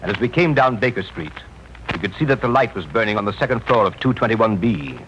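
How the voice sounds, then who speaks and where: A loyal gentleman doctor in a 1930s radio play. He speaks earnestly and formally with widely moving pitch. The old recording is dull with light hiss. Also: lively intonation, fast. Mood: storytelling. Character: loyal, concerned gentleman doctor friend, narrating. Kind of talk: 1930s radio drama narration and acting.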